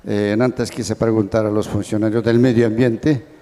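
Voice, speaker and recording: A man's voice: lowish voice, flat delivery, moderate pace, dark tone. A man in a conference audience asking a question, searching for words with many fillers. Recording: long hall reverb.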